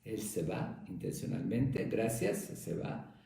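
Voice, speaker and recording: A male rabbi teaching a Talmud lesson as an animated storyteller. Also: fairly low pitch, slow, creaky. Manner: animated storytelling, acts out voices. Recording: echoey room.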